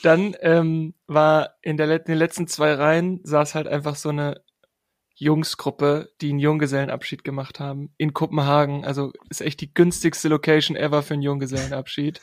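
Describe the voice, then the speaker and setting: A young man telling a story in a relaxed, chatty way with youthful slang. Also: on the high side, normal speed, dry recording, clean studio sound. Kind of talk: casual storytelling chat.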